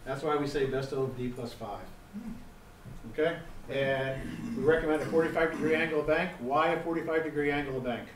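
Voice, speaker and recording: A middle-aged gliding safety instructor quizzes the audience during an interactive seminar lecture, repeating points emphatically. His voice is a little high and fairly quick. Picked up by a distant mic in an echoey seminar room, the audio has faint background noise.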